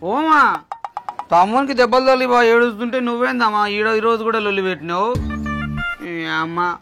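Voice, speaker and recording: A man's voice: very high voice, normal speed, pushed and bright, faint music behind, heavily acted. A man playing a whiny hungry son. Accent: Telangana Telugu. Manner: whining, pestering. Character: hungry grown son, young adult, whiny. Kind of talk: village comedy acting.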